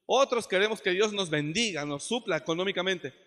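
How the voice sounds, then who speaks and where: A man preaching a sermon as pastor, acting out quotes and rising to shouted peaks. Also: high voice, animated, fairly quick. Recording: long hall reverb.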